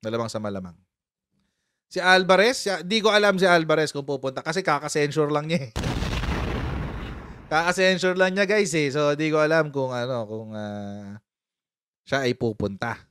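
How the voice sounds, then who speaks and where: A man hosting a casual political commentary livestream, animated, laughing often and mixing English into his talk. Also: fairly high pitch, moderate pace, long pauses, smooth, dry recording, studio quality.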